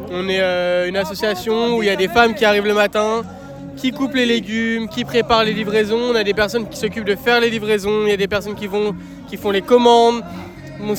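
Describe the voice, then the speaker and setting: Casting: relaxed man in his twenties, high voice, outdoors with faint music. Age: 20s. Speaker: volunteer organizer. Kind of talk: street interview. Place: outdoors at an evening barbecue.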